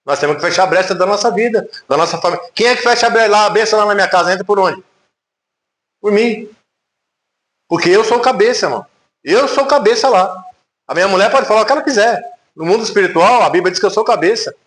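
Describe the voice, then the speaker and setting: Brazilian pastor guy preaching, fairly high voice, big echoey church. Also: quick pace, fairly bright tone. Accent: Brazilian Portuguese. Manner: conversational, emphatic preaching with rhetorical questions. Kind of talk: sermon. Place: church sanctuary.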